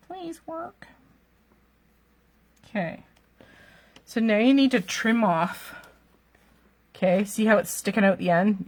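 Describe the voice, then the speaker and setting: A woman teaching card making during a live stream, chatty, laughing often and checking in with "okay?" after each step. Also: fairly low pitch. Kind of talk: live-streamed craft demonstration.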